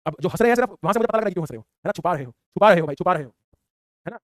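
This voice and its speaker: A high-voiced man rattling through a class at top speed, teasing students with "है ना" after almost every line. He sounds like a teacher talking close to the mic in a dry room with no echo. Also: lively intonation, racing. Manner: teasing, playful, repetitive tag questions. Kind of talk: fast online class lecture.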